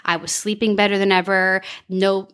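A woman's voice: medium pitch, little pitch movement, moderate pace, a bit bright. A woman hosting a casual podcast, telling a story animatedly, laughing and acting out her own thoughts. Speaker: podcast host.

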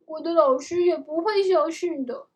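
A woman's voice: extremely high pitch, normal speed, dull audio, voice pushed up. A mother reading as young boy Jack, earnest. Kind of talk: storybook reading.

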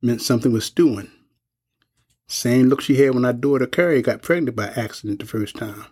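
Here the actor's world-weary old working-class man sounds knowing and wistful, still folksy, plain-spoken and ominous. The lightly acted, medium-pitched voice is brisk, darkish and slightly rough.

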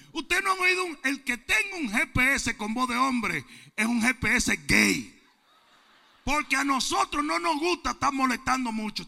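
A man pastor preaching a sermon, telling funny stories and rising into shouted, emphatic preaching. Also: very high-pitched, creaky. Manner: humorous storytelling building to shouted preaching. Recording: long hall reverb.

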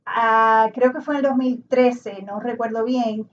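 A woman with a Puerto Rican Spanish accent speaks her mind in a casual conversation, her voice sitting a little high. She is heard from some distance from the microphone, and the sound is dull with faint noise behind it. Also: fairly even intonation, a little slow. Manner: outspoken and opinionated.

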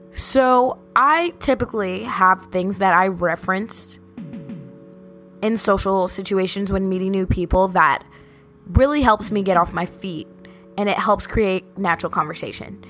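A woman's voice: medium pitch, a bit bright. A young woman telling personal stories casually as a podcast host, with a valley-girl way of talking full of "like". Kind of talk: casual personal storytelling monologue.

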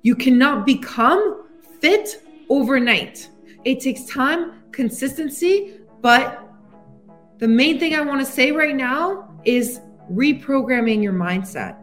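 A woman's voice: high voice, lively intonation, slow, faint music behind. A woman weight loss coach hosting her own podcast, talking to the listener in an upbeat, encouraging way. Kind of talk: solo motivational podcast talk.

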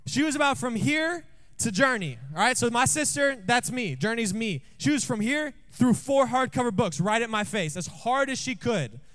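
High-voiced man preaching a jokey sermon. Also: lively intonation, normal speed, fairly bright tone. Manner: jokey, asks the room questions often. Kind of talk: storytelling sermon to a congregation. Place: church.

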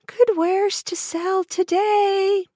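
A woman voicing a wicked old queen disguised as a crone, shrill and gloating, in a dry recording. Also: fairly even intonation, extremely slow, mellow, no echo, full character voice. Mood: wheedling.

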